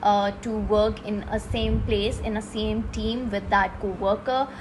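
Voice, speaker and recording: A woman's voice: mid-range voice, fairly even intonation, measured pace. Young woman speaking carefully, noisy. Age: 20s. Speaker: guest. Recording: noisy background.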